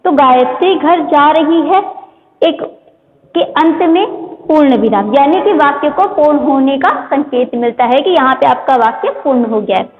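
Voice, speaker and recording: A woman's voice: high voice, lively intonation. A woman teacher giving an online class to children, explaining patiently and often calling on the children. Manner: explains slowly to children, repeats and addresses them often. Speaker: Hindi teacher. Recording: tinny phone-like sound with long reverb.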